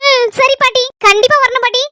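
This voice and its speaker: Woman as a young newlywed granddaughter, kanyakumari accent, very high bright voice, quick polite replies. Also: steady tone. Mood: gentle. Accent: Kanyakumari Tamil. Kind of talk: comedy skit.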